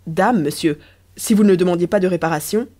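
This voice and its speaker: A woman voicing a stubborn, proud male concierge who talks in an insistent, self-satisfied way in a storybook reading. Her tone is mellow and warm. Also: fairly low pitch, brisk, lightly acted. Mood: matter-of-fact.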